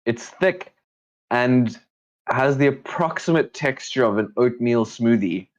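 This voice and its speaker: A man's voice: mid-range voice, expressive, unhurried, highs cut off. A man working as a game master, improvising narration for a tabletop roleplaying game.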